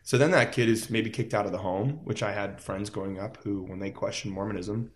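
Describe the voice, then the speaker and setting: Low-voiced man telling rambling stories. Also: fairly even intonation, brisk. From Las Vegas, United States. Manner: rambling, filler-heavy storytelling with many "like"s. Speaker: interview guest, musician. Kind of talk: casual conversational interview.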